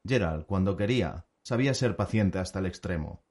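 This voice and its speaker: A man narrating an audiobook with an even, steady storytelling delivery. His voice sits very low. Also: fairly quick, breathy edge.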